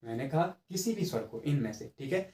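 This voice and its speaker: A man's voice: mid-range voice, expressive, fairly quick, dark tone. A man giving an exam-prep grammar lesson, explaining step by step, checking in with his students and stretching sounds out to demonstrate them. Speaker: teacher. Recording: echoey room.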